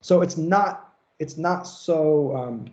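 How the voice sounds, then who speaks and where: Man, lecturer, casual conversational delivery, swears now and then, mellow tone, muffled lo-fi recording. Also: a little high, slow. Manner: casual, conversational, profane, fillers like "like". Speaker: lecturer on psychoanalysis.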